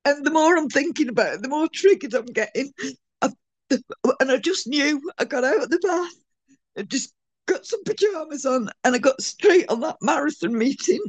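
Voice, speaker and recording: Tearful high-voiced woman. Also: animated, normal speed, no echo. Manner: raw, tearful, rambling. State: crying. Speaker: member sharing at a recovery meeting. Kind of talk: emotional personal share. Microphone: video call.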